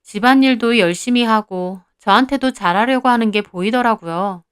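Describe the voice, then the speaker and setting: A young woman recounting her own story in the first person, confiding and conversational. Her voice is smooth and clear, pitched a little high, and it flows like a personal storytelling channel. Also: moderate pace, no room sound, clean studio sound. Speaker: story narrator.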